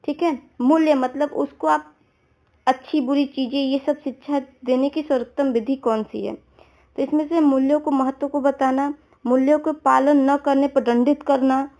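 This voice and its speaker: A woman's voice: high voice, steady tone, moderate pace, warm tone. A woman teaching exam prep, talking through answer options, often checking understanding with everyday examples. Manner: repeats "theek hai" to check understanding. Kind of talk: explaining exam questions.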